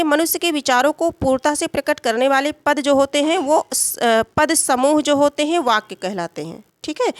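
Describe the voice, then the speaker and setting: A woman with a high voice teaches an exam-prep grammar lesson. She repeats key terms, asks and answers her own questions, and keeps checking in with her students. The recording is dry and close, with no room sound. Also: no echo.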